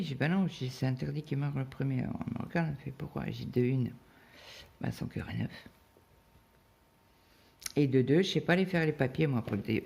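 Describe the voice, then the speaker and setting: Recorded on a phone, a woman in her fifties who makes craft vlogs talks casually as she cross-stitches. Her voice is very deep, gravelly and warm, and her stories come out with plenty of hesitations and tag words.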